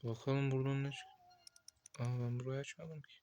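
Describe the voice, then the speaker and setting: A young man playing a horror game, talking to himself with excited outbursts and cursing at the game. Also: mid-range voice, moderate pace, a little hiss or hum. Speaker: gameplay streamer. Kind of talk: casual gameplay commentary.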